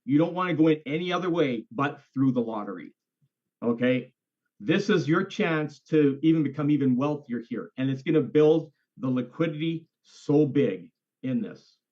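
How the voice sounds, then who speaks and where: Through dull, lo-fi video call audio from a computer or phone, a man with a high-ish, dark-toned, expressive voice asks questions on a group call at a moderate pace. He is enthusiastic and emphatic, repeating things for stress, while his bad internet connection keeps breaking up.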